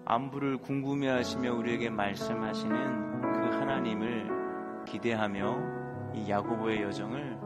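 A man's voice: mid-range voice, fairly even intonation, measured pace. A man preaching a sermon as pastor, earnestly speaking straight to his congregation. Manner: earnest, addresses the congregation directly. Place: church sanctuary. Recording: long reverb in a large hall, with faint music.

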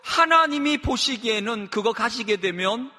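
A pastor delivers a sermon in a high, bright voice. He keeps it conversational and acts out prayers and quotes in shifting voices. His voice rings with the long reverb of a church hall. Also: lively intonation, normal speed.

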